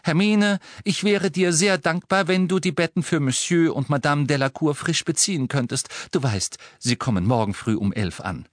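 A man voicing a brisk, bossy motherly witch in an audiobook. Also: fairly high pitch, dry recording, voice pushed up, lightly acted. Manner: brisk, scolding.

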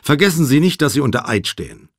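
Ein hartnäckiger, drängender Anwalt im Kreuzverhör, von einem Mann gelesen, laut und etwas höher als die Erzählstimme, mit lebhaft springender Betonung. Er bohrt unnachgiebig nach und lässt nicht locker. Eine trockene, nahe Hörbuchaufnahme ohne Raumhall. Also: male voice, mid-range voice, sing-song, normal speed, no room sound, studio quality, voice pushed up, close to an everyday voice. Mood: pressing. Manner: insistent, cross-examining. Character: sharp, pressing male lawyer, relentless questioner.

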